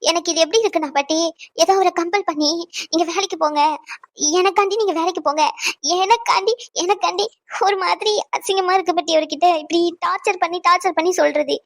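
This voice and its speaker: A woman's voice: extremely high pitch, steady tone, fairly quick, no echo. A woman voicing an upset young married granddaughter in a cartoon, talking in a hurt, pleading way. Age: young adult. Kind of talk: cartoon voice acting.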